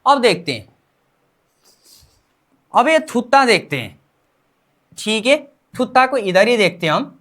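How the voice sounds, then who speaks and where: Lady teacher going over korean grammar real slow, repeats every example, keeps asking "what do we say?". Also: on the high side, sing-song. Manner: repeats example phrases slowly and quizzes the learner. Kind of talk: explaining grammar step by step.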